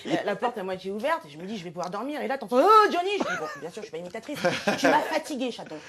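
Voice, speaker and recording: Crowd noise surrounds this woman as she races through a scripted comic tribute monologue for a guest. A regular portrait presenter on the show, she has an expressive medium-pitched voice and a playful, theatrical, self-mocking style.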